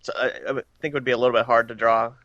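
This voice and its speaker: Bright-voiced male podcast guest. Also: mid-range voice, level tone, rapid-fire, dry recording, highs cut off. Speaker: magazine editor, podcast guest. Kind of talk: casual interview chat.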